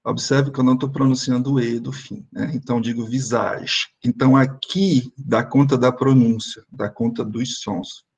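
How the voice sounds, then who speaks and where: Husky-voiced man teaching on a call. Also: mid-range voice, fairly even intonation, moderate pace, hardly any pauses, darkish tone. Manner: patient, explains step by step and has students repeat. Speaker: French teacher. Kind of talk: online class teaching.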